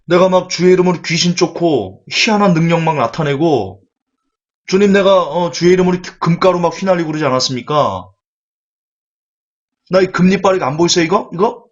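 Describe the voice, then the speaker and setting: Bragging male churchgoer, high pleading tone, a preacher puts him on. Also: fairly quick, highs cut off, natural voice. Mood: boastful. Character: boastful male churchgoer showing off.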